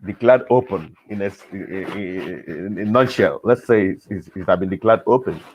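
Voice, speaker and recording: A man's voice: low-pitched, a little hiss or hum. A man hosting a talk show over an internet call, his voice glitchy and breaking up as he halts and repeats words. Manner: halting, repeats words as the line cuts out. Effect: glitchy, breaking-up internet call audio. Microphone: internet video call. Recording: muffled lo-fi video call line.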